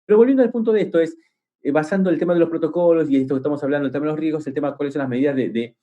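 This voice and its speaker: Over phone-quality audio, a man with a higher voice talks very fast through a technical cybersecurity conference presentation. Enthusiastic and rambling, he restarts often, uses fillers, and explains with vivid, homely examples.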